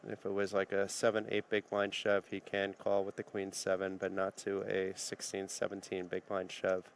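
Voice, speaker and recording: A man's voice: low voice, monotone, normal speed, gravelly, a little hiss or hum. A man doing easygoing live play-by-play commentary on a poker final table. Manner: easygoing play-by-play, light joking.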